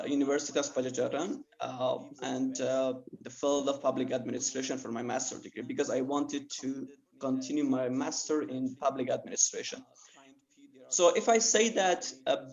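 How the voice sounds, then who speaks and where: A man's voice: medium pitch, a little mellow. A young man from Afghanistan, a former journalist and master's student, speaking earnestly as a guest on an online panel. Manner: earnest, hesitant with frequent ums. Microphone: webcam video call. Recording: muffled video-call audio.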